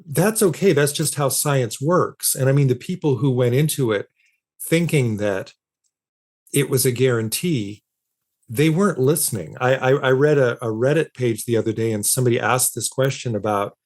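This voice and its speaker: This interview guest, an author and philosopher of science, speaks at a moderate pace with a medium, slightly mellow pitch. His explanations are conversational, and he repeats phrases for emphasis.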